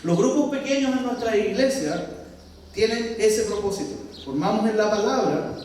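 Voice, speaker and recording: A man's voice: sits high, expressive, normal speed, darkish tone. A man preaching a sermon as pastor, earnestly reading scripture and asking the congregation questions. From Chile. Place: church hall. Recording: echoey church hall, mic far off, faint noise.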